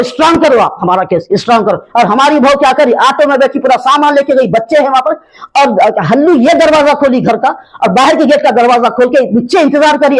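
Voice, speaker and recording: A woman's voice: sits high, rough recording. Tearful older woman with a Hyderabadi accent. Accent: Hyderabadi Urdu. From Hyderabad, India. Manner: emotional, repetitive and pleading. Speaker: complainant speaking to a news reporter. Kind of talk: impassioned pleading statement.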